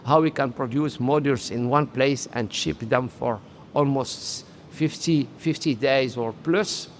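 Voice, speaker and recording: Middle-aged Moroccan industry guest, earnest, searching for words, faint background hum. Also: male voice, mid-range voice, measured pace. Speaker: interview guest, solar industry executive. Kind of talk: casual interview talk. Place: solar trade conference.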